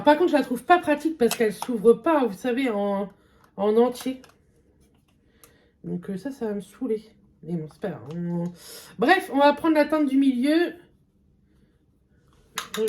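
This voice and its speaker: A woman's voice: fairly high pitch, darkish tone, slight background noise. A young woman vlogger chatting casually through a makeup test, hesitant and full of fillers. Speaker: beauty vlogger. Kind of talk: casual makeup vlog chat.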